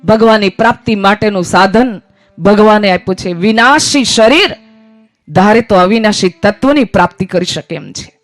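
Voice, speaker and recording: A woman's voice: mid-range voice, moderate pace, no room sound, soft background music. A woman preacher giving a devotional sermon at a village gathering, urging her listeners with rhetorical questions and rising calls. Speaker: religious storyteller preacher.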